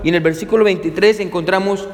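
A man's voice: high-pitched, fairly even intonation, fast talker, long reverb tail. A man preaching a sermon as pastor, asking his listeners questions and calling them to turn with him to the verses. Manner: asks the congregation rhetorical questions.

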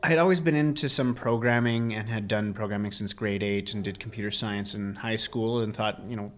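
A man's voice: lowish voice, fairly even intonation, brisk. A man in his early thirties, an interview guest, casually recalling his past in a garage. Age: early 30s. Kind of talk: casual personal recollection. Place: recorded in a friend's garage during a barbecue.

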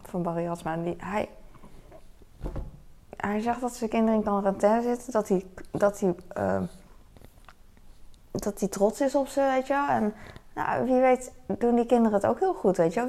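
A woman's voice: medium pitch, normal speed, dark tone. A young adult woman vlogging in casual chat, rambling with lots of fillers and asides. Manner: rambling, frequent fillers and "weet je wel".

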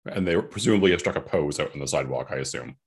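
A man with a very low voice, playing his character in a tabletop game. His tone is husky, and he often eases in hesitantly before speaking. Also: animated, rapid-fire. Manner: hesitant, starting with fillers. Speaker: player.

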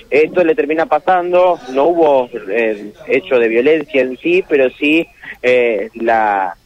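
A man reporting the news, with a hesitant delivery full of filler sounds. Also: medium pitch. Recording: dull lo-fi broadcast audio.

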